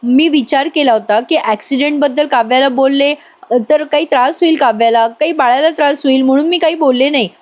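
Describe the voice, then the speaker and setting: A worried, caring elder sister, as a woman narrator puts her on, soothes and explains herself. The voice is gently anxious and fairly high. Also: brisk, natural voice. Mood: explaining.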